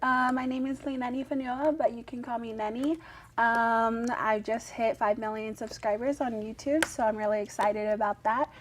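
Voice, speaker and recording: A soft-spoken young woman introduces herself as a talent-show judge. Her voice sits a little high, with faint room ambience behind. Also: fairly even intonation, moderate pace, slight background noise.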